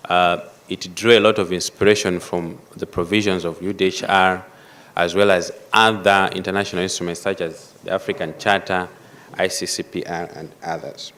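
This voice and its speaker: A man giving a formal panel address, measured and emphatic, stressing key phrases as he goes. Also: low-pitched, level tone, fairly bright tone. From Malawi. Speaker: panel speaker.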